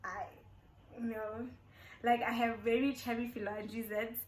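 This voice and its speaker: Her voice is fairly high with little pitch movement, and she keeps a measured pace. The young South African woman, in her twenties, is a YouTuber chatting casually to her channel in a get-to-know-me video, repeating points for emphasis. The room echoes.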